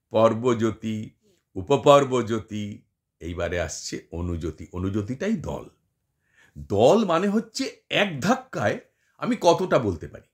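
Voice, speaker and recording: A man giving a lecture, explaining step by step, repeating examples and asking his listeners rhetorical questions. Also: medium pitch. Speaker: teacher. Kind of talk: lecture on Bengali poetic meter.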